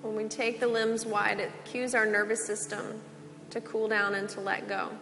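Slow soft-spoken woman guiding yoga relaxation. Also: medium pitch, little pitch movement, gravelly. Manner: slow, soft, soothing cues with long pauses. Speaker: yoga teacher. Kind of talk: guided relaxation instruction. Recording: long reverb with soft music.

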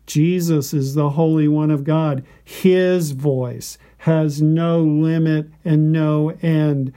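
A man giving a scripted devotional narration in a slow, deliberate and reverent manner. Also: fairly high pitch, fairly even intonation, dark tone.

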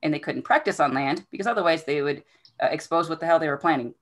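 A woman's voice: low-pitched, fast. A woman hosting a casual book discussion, retelling the plot in a conversational way. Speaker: podcast host recapping a fantasy novel.

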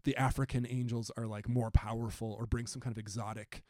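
A man's voice: mid-range voice, little pitch movement, brisk, darkish tone, dry recording, clean studio sound. A man co-hosting a podcast, telling stories in a hesitant, self-interrupting way with wry asides. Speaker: podcast co-host. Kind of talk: casual conversational podcast.

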